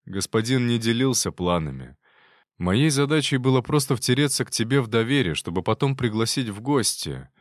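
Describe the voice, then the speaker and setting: A man voicing a frightened young male servant who confesses in a halting, hesitant way, read as an audiobook character. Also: medium pitch, lively intonation, no echo, studio quality, lightly acted. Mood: confessing.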